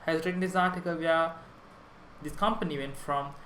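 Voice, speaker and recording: A man's voice: fairly high pitch, steady tone, normal speed, sharp tone, echoey room, a little hiss or hum, rough recording. A young man from Sri Lanka giving a prerecorded conference talk on web development, enthusiastic and explanatory, with small restarts.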